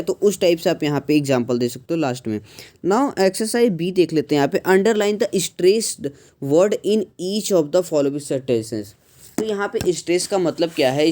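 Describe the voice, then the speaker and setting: A man explains an English lesson step by step, pausing often and mixing English phrases into his speech. His voice sits a little high but sounds mellow and relaxed. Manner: mixes English phrases into Hindi, slows to model sentence stress; frequent pauses with "uh" and "thik hai". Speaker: English teacher.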